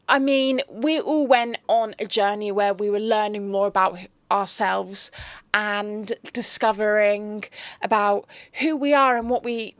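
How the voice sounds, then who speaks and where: A woman's voice: a little high, a bit bright, dry recording. A young woman from England, a reality show guest in a casual interview, chatty and hesitant with many fillers, restarts and giggles.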